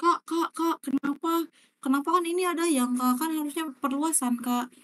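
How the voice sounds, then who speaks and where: A woman's voice: high voice, fairly even intonation, normal speed, fairly bright tone, voice pushed up. A woman voicing a puzzled young student who keeps questioning the tutor in a whiny, insistent way.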